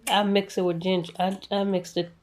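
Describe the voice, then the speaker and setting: A woman's voice: medium pitch, flat delivery, a little fast, a little hiss or hum. A woman hosting a casual food video, chatting playfully to viewers and often repeating herself. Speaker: mukbang host and cook.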